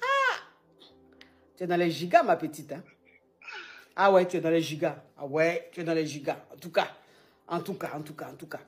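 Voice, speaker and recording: A woman's voice: deep voice, fairly even intonation, brisk, soft background music. A woman hosting an advice show, talking casually and teasingly with a caller and repeating her phrases. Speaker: advice show host, relationship coach.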